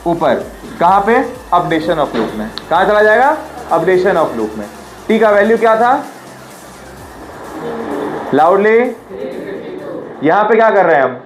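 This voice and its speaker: सवाल दोहराता हुआ हिंदी-अंग्रेज़ी शिक्षक. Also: male voice, high voice, sing-song, takes it slowly, long pauses, faint music behind, low-quality recording. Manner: quizzing, repeats questions, drills pronunciation. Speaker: teacher. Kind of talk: classroom lecture.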